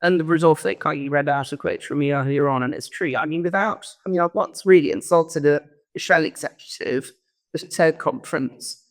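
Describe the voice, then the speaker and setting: A woman's voice: low-pitched, fairly quick. Rambling woman speaking in a reverberant hall. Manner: rambling, self-interrupting storyteller. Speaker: guest speaker. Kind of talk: informal conference talk. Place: large event hall.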